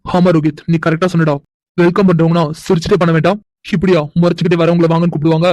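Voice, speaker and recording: A man's voice: fairly high pitch, flat delivery, very fast, darkish tone, no echo, natural voice. A man voicing a young sidekick in a cartoon who eagerly backs up his friend. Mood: goading. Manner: goading, agreeing. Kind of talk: cartoon voice acting.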